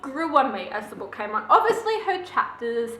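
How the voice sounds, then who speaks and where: A young woman chatting casually about a book she read, animated and opinionated. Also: a little high, moderate pace, a little hiss or hum. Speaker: book vlogger. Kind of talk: casual book review chat. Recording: echoey room.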